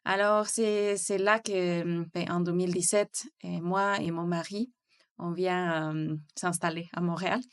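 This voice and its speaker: A woman's voice: fairly low pitch, fairly even intonation, unhurried, clean tone. Woman, hesitant. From Mexico City, Mexico. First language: Spanish. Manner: hesitant, many fillers and restarts. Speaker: guest, bakery founder. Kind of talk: interview, casual conversation.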